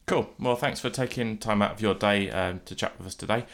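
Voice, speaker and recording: A man's voice: lowish voice, fairly quick, vocal fry, fairly bright tone. A man hosting a podcast in a casual, conversational interview style. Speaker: podcast host.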